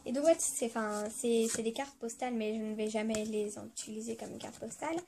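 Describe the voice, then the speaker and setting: A woman's voice: fairly high pitch, level tone, fairly quick, vocal fry, mellow, slight background noise. A woman vlogger telling a story in a casual vlog, chatty and enthusiastic, with many fillers and restarts.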